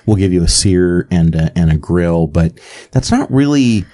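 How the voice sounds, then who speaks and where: Brief: low, mellow male co-host, lively intonation, casual enthusiastic chat. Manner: chatty, enthusiastic, quick affirmations. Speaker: podcast co-host.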